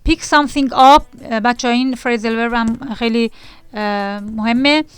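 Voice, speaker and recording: A woman's voice: a little high, clear, resonant tone, no room sound. Lady teacher going over english words w/ beginners, patient, repeats stuff, dry close sound. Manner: reads English definitions aloud, then explains them; patient and repetitive, addressing students directly. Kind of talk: beginner vocabulary lesson.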